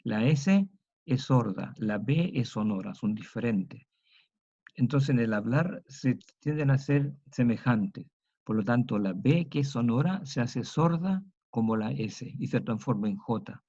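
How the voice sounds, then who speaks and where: A man with a Chilean accent giving a recorded lecture, explaining slowly and repeating words for emphasis. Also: medium pitch, animated, mellow, husky, no echo, dull audio. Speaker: teacher.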